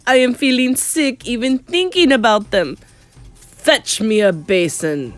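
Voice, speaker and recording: A woman's voice: deep voice, no echo, soft background music. A woman voicing a tyrannical, venomous witch in a children's audiobook, screeching and thundering her commands. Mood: sickened contempt. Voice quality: screeching, harsh. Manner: thunderous, drawn-out, commanding, broken foreign-style grammar. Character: tyrannical, venomous Grand High Witch, female villain.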